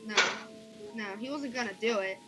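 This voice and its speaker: A young woman with a fairly high voice reads a creepypasta horror story aloud at a moderate pace, keeping it casual. She stumbles often and restarts lines. The low-quality recording has background music behind her.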